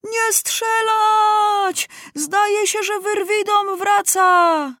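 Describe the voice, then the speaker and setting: A woman voicing an excited, commanding army lieutenant who shouts his orders, in a storybook reading. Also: a little high, takes it slowly, dry recording, clean studio sound, pitched above the performer's own voice. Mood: alarmed.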